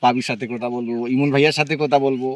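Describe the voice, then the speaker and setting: An actor playing a boastful young husband who insists on showing off city speech in a comic regional drama. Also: male voice, medium pitch, steady tone, quick pace, dry recording, natural voice. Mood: insistent.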